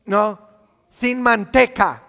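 A man's voice: high voice, very slow, creaky, pushed and bright, big-room sound. A male priest giving a sermon, teasing and scolding the congregation with many questions. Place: church.

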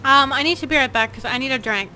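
A woman's voice: sits high, fast talker, bright, forceful tone, faint music behind. A young woman playfully and bluntly chatting while gaming with friends. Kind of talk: casual gaming chat. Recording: noisy background.

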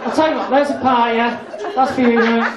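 A man's voice: very high voice, steady tone, a little fast, distant mic, a loud crowd. A British man working as a stage hypnotist and comedy show host, with chatty, sweary, matey banter over a handheld microphone. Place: function room with live audience. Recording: echoey amateur camcorder recording, noisy audience.

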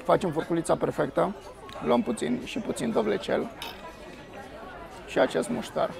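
Speaking with a fairly high pitch, lively intonation and vocal fry, a young man reviews food to a camera placed on his table. He's a food vlogger on an outdoor restaurant terrace, exclaiming enthusiastically while tasting as the crowd of diners chatters.

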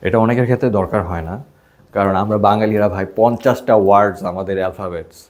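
A man's voice: fairly low pitch, fast, darkish tone. Joking Bangladeshi man teaching English. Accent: Bangladeshi Bengali. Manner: casual, joking, mixes English into Bengali. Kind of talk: classroom lesson.

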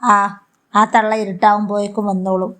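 A woman's voice: mid-range voice, flat delivery, moderate pace, lightly acted. Woman reading a hot-tempered son who snaps at his old mother, Malabar accent, storybook drama. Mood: irritated. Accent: Malabar Malayalam. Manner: scolding, contemptuous. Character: harsh angry young adult son.

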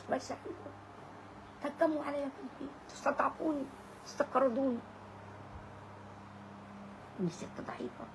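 An Egyptian woman in her sixties pleads her case in a high, rapid voice. She keeps repeating the same short phrases. A loud, noisy background runs under her. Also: gravelly. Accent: Egyptian Arabic. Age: 60s. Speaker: interviewee, widow. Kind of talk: emotional street interview.

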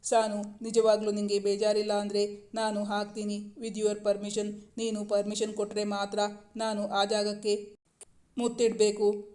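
A woman voicing a tender young husband who speaks softly and reassuringly. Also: mid-range voice, monotone, a little slow, close to an everyday voice. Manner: soft, reassuring.

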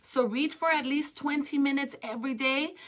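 A school educator in her thirties reads aloud and chats with young students, speaking to the children directly in an expressive, encouraging way. Her voice sits high and her pace is moderate. She's indoors in a small school office or classroom, recorded on a phone held at arm's length.

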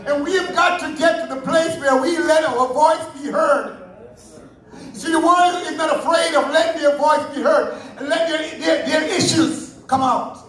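Male preacher, very high voice, fervent sermon with shouted peaks, recorded far off in a booming church hall. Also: moderate pace. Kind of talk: Sunday sermon. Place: church sanctuary. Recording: very echoey church hall, heard from afar.

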